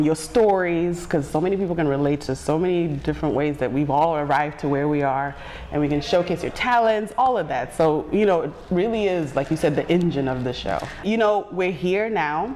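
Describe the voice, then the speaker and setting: A woman's voice: low-pitched, darkish tone, a little hiss or hum. A woman from Zimbabwe, co-hosting a casual talk show and laughing often. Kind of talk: casual chat. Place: bright living-room studio set.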